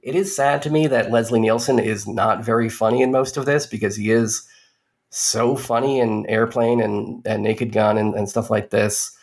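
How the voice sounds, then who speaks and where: A man's voice: fairly low pitch, steady tone, moderate pace, gravelly. A man co-hosting a podcast, giving a casual movie review in a rambling way with dry, sardonic asides.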